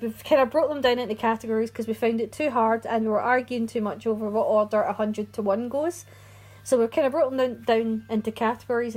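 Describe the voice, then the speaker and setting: A woman's voice: on the high side, a little mellow, low-quality recording. A woman co-hosting a casual podcast chat, chatty and often searching for her words. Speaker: podcast co-host. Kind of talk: casual chat about horror movies.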